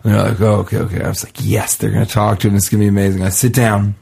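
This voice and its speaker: A man's voice: fairly low pitch, little pitch movement, very fast, gravelly, a little mellow, husky. A man telling a story in casual chat, acting out the people he quotes. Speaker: podcast co-host.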